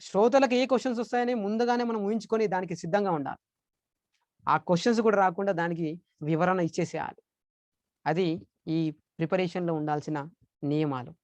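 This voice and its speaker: Male motivational trainer, rapid lecture delivery, emphatic and repetitive, close dry sound. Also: high-pitched, fairly even intonation, dry recording. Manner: emphatic, repeats key points, mixes English terms. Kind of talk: training lecture on public speaking.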